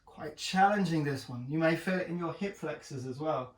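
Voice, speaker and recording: Breathless fitness trainer in an echoey room. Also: male voice, fairly high pitch, moderate pace, far from the mic. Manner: encouraging, joking, breathing hard between exercises. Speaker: personal trainer. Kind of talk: talking through a home workout.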